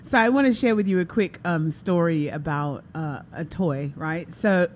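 A woman hosting a talk radio show, telling stories in an animated way, laughing and acting out quotes. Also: on the low side, a little slow, a little hiss or hum. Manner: animated storyteller, laughs often, acts out quotes. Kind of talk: casual radio chat.

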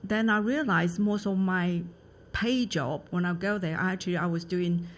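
Taiwanese woman speaking halting English. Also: on the low side. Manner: halting non-native English, short agreeing replies. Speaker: guest, charity founder. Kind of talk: interview answers.

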